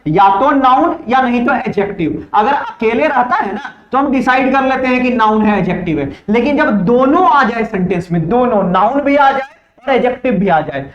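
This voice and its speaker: A man's voice: very high-pitched, expressive, normal speed, few pauses. A man teaching an English grammar lesson in Hindi, who asks the class a question and answers it himself, repeating each point. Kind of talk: Hindi-language grammar lecture. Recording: echoey, dull lo-fi room sound.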